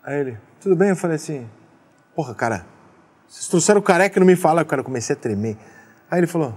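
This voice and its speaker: A man hosts an interview and tells stories in an animated, profane way. His voice is husky and slightly high for a man. He talks at a rapid clip. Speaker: interview host. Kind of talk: casual interview talk.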